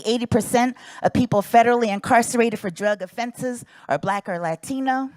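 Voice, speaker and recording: A woman's voice: medium pitch, dry recording. A middle-aged woman from South Central Los Angeles giving an earnest, emphatic prepared speech as an invited advocate.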